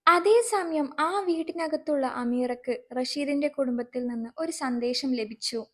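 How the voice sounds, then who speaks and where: A woman narrating a dramatic family story in a steady, scripted storytelling read. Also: high voice, unhurried.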